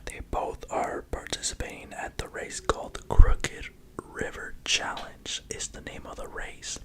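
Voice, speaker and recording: A person whispering an ASMR narration in a hushed, secretive way, like a hobbyist presenting prized animals. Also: measured pace. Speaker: racing pigeon keeper presenting own birds.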